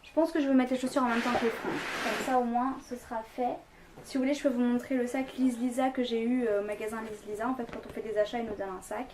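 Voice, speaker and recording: A young woman chats her way through a shopping haul at home, rambling and full of fillers. Her voice sits a little high. A faint hiss runs under the recording. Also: little pitch movement, fast. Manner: chatty, rambling, many fillers. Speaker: vlogger. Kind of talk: casual haul vlog.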